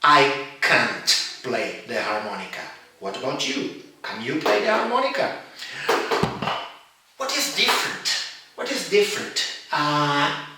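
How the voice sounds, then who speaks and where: Slow, deliberate man teaching in an echoey room. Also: on the high side, expressive, far from the mic, noisy background. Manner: slow, deliberate, repeats examples. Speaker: English teacher. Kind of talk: grammar lesson.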